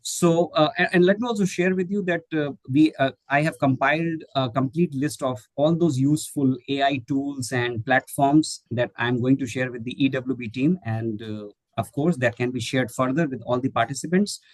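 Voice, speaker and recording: A middle-aged Indian man, a Hindi speaker by birth, answers webinar questions as a guest speaker and English teacher trainer. His mid-range voice moves at normal speed with few pauses but is hesitant with fillers and restarts; the audio is poor with no echo.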